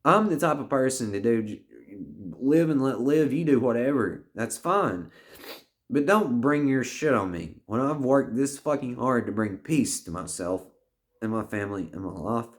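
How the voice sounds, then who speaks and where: At a moderate pace, a man with an expressive mid-range voice, in his thirties, gives life advice to the camera. It's a heartfelt, rambling personal monologue, peppered with swearing and restarts.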